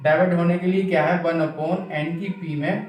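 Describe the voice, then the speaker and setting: A man teaches maths in a lecture, firing questions at his listeners and answering them himself, going over each step more than once. His voice sits fairly high for a man. The sound is recorded from a distance in a very echoey room. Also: fairly even intonation, moderate pace, faint music behind. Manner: questions the class and answers himself, repeats key steps. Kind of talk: classroom lecture. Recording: very echoey room, mic far off.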